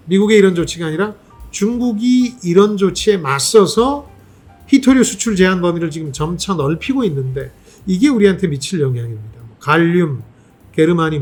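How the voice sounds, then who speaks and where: A man with a fairly high, slightly husky voice walks through economic trends in a steady, explanatory way. He pauses on fillers and poses rhetorical questions to his audience. Soft music plays underneath. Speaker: economics commentator and channel host.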